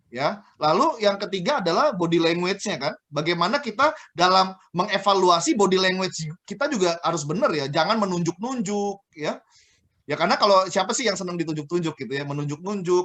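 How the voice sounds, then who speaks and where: Lively man explaining communication tips. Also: high-pitched. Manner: lively explaining, acts out scolding boss voices. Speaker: communication trainer guest. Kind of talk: radio talk show advice.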